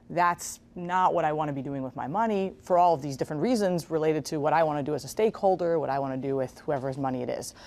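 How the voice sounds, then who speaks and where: A woman in her thirties, born in Israel, giving measured, explanatory answers as a guest in a TV interview, with casual fillers, on a lapel mic in a bright room. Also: sits low. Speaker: guest, investment executive. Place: large bright room with garden windows.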